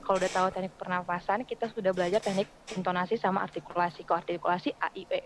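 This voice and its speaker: A woman's voice: lowish voice, rapid-fire, background noise. Chatty Indonesian woman voice-over artist. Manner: chatty, explains with lively spoken examples. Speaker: radio voice-over artist and announcer, guest. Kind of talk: casual podcast chat.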